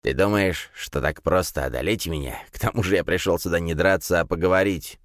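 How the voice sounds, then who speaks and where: A man voicing a sly, hunched old sorcerer who mocks with a creaky, cackling voice in an audiobook. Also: sits low, a little fast, no echo, clean studio sound, close to an everyday voice. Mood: mocking.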